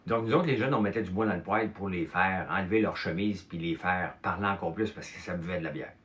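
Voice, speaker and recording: A Québécois man in his fifties or older, telling childhood stories in casual chat, animated, with mild swearing and filler words. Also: low-pitched, fast, a little hiss or hum. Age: 50s or older. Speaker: host.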